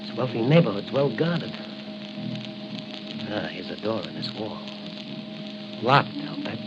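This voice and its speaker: A man with a lowish, sing-song voice speaks a little slowly over loud music, playing a bold, determined masked crime-fighting patrolman. Wary and intent, he thinks aloud in clipped remarks in 1940s radio style. The 1940 radio recording is noisy and muffled.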